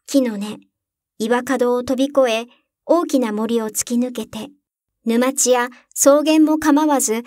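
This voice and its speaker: Female narrator, fairy tale reading, calm even delivery, slightly high voice, dry close mic. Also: no echo. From Japan.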